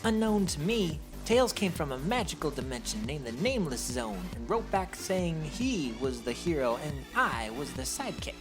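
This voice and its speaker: A woman voices a cocky young cartoon hedgehog hero telling his own backstory. The voice is on the low side, casual and wry, with prominent music playing underneath. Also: sing-song, normal speed, hardly any pauses. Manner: casual, wry storytelling asides. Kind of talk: scripted comic dub narration.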